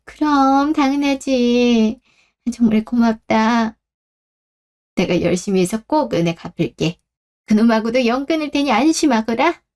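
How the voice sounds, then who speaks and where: A woman's voice: fairly high pitch, a little slow, darkish tone, lightly acted. A woman voicing a firm older mother who scolds her grown son in a radio drama. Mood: grateful. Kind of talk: Korean radio drama acting.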